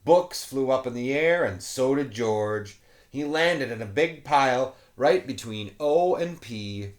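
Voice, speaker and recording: Reading slowly and expressively at medium pitch, a man shares a children's picture book aloud. He works as a teacher and children's story reader, and he sprinkles in playful asides for young audiences.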